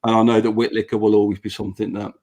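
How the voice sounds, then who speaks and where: A man's voice: fairly low pitch, level tone, racing, a little mellow. A man with dental braces slightly affecting his speech, chatting earnestly and swearing freely as he repeats points for emphasis. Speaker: business owner, podcast guest. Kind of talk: casual panel chat.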